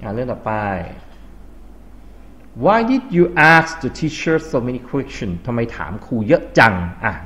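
A man's voice: mid-range voice, very animated, takes it slowly, pushed and bright, a little hiss or hum. A man from Thailand teaching English vocabulary to a class, explaining words and quizzing the students. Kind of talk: classroom lesson.

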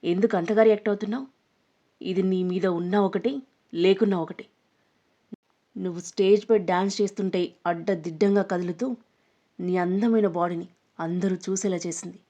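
A woman voicing an arrogant, threatening young man in an audio story, speaking low and mocking. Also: steady tone, normal speed, pauses often, mellow, dull audio, natural voice. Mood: menacing. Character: menacing arrogant young man, a rich bully. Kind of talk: storybook narration.

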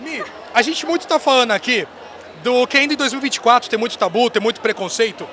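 Man, 30s, fair interviewer, very high bright voice, handheld mic, faint crowd noise. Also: quick pace. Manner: excited, playful, hyping the guest. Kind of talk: casual on-location interview. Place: busy indoor expo hall. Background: crowd chatter of the fair.

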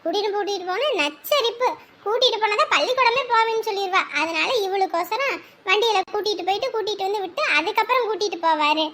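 A doting, chatty grandmother in a homely family drama, played by a woman. Her voice sits very high and sounds bright and sharp. She talks on and on, fondly remembering old days. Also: lively intonation, fast, exaggerated voice. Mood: fond, gossiping. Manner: chatty, reminiscing.

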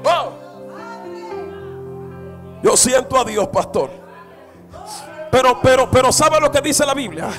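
A man preaching a charismatic sermon in a church, in a sing-song style that swells into shouts. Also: very high voice, expressive, slow pace, pauses often, faint music behind.

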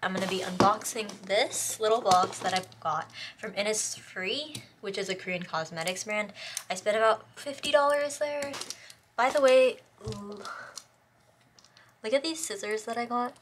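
A woman's voice: medium pitch, normal speed. Casual young female vlogger, noisy background. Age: young adult. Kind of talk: casual vlog narration.

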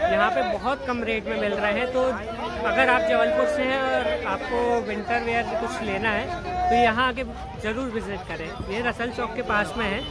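A young man talking straight to viewers while filming a walking vlog on a phone held at arm's length. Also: sits high. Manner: upbeat, addresses viewers directly. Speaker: vlogger. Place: crowded outdoor street market. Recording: loud street crowd behind.

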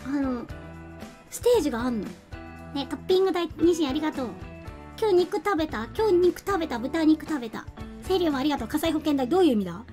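High-voiced chatty woman streamer. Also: darkish tone. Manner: chatty, giggly, reads out and thanks viewers. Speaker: game streamer. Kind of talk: casual live-stream chat.

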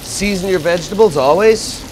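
Male executive chef, slightly high voice, lapel mic in a noisy restaurant kitchen. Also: normal speed. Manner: steady instructive step-by-step explaining. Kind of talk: cooking demonstration. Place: restaurant kitchen at a gas range.

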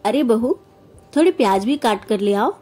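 A woman voicing an older, sharp-tongued mother-in-law who scolds and complains in a storybook. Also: on the high side, expressive, moderate pace, husky. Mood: complaining.

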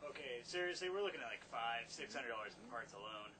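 A man's voice: medium pitch, lively intonation, fast talker. A man cracking sarcastic jokes over an old movie in a basement. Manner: wisecracking, sarcastic. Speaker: movie riffing host. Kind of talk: joking commentary over a film. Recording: home recording with film noise behind.

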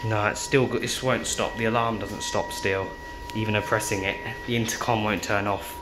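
A young amateur lift vlogger narrates casually on a handheld phone while riding a lift, moving through the lifts and lobby of a public building. His voice is lowish, flat and at normal speed, with loud background noise and clicks on the recording.

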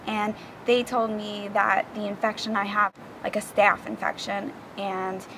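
Sitting on a yoga mat outside, a twenty-something vlogger talks to her camera with frank exasperation for her personal vlog. Her voice is medium in pitch, and the camera-mic recording has a noisy background.

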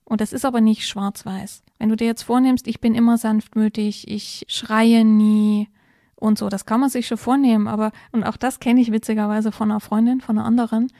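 Gravelly, flat-toned woman explaining. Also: a little high, fast, few pauses, no echo, studio quality. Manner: explanatory, thoughtful, gives step-by-step advice. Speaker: podcast co-host explaining parenting topics. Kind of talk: casual podcast conversation.

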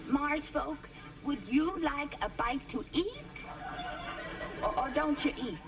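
High-voiced American farm wife. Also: female voice, lively intonation, takes it slowly, over music. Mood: kindly, unfazed. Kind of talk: 1950s sitcom acting. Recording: distant vintage TV soundtrack.

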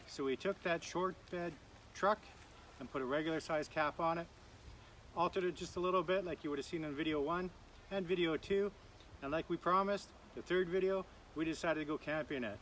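A man's voice: high voice, fairly bright tone, slight background noise. Chatty man vlogging at a forest campsite. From Canada. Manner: upbeat, chatty, bursts of enthusiasm. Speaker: camping vlogger. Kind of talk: casual vlog chat to camera. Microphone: phone camera held close.

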